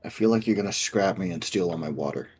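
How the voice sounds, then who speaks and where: A man's voice: deep voice, fast, a little mellow, faint music behind. A man chatting casually and joking with friends as he plays a game. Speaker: player in a group gaming session.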